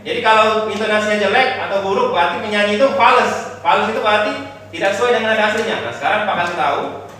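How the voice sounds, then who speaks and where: A man's voice: high voice, quick pace, pushed and bright, slight background noise. Male teacher, patient, sings examples; distant, roomy classroom sound. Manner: explains patiently, sings short examples and solfege. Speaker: music teacher. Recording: echoey classroom from far off.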